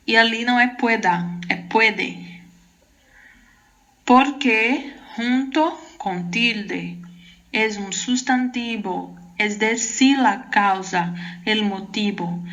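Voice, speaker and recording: A Brazilian woman with a Portuguese accent teaching a Spanish lesson, reading the examples carefully and adding quick asides in Portuguese. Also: medium pitch, a bit bright, low-quality recording. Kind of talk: online exam-prep lesson.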